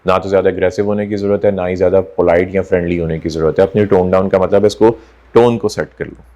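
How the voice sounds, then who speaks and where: A male teacher lecturing on English vocabulary, explaining in Hindi and reading English examples slowly and deliberately. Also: low-pitched, steady tone, mellow, muffled recording. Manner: explains in Urdu-Hindi mixed with slow, drawn-out English examples. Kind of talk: recorded classroom lecture.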